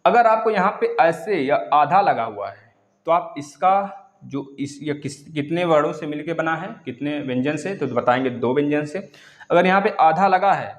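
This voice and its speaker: Male tutor, somewhat raised pitch, drills terms over and over, roomy echo. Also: animated, normal speed. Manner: instructive, repeats key terms, addresses students as friends. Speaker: teacher. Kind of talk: online exam-prep lesson. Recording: echoey room.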